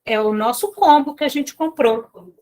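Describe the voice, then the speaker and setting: A woman's voice: sits high, measured pace, a little mellow. A woman giving an informal spiritual talk to a study group, telling stories in a chatty way with asides to her listeners. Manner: chatty, storytelling with filler tags and asides to listeners. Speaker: lay speaker at a spiritist center.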